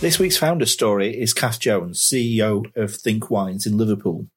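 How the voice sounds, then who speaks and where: A man's voice: lowish voice, lively intonation, normal speed, music in the background. A man hosting a podcast interview, chatty and friendly, often restarting his phrases. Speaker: podcast host. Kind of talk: casual interview.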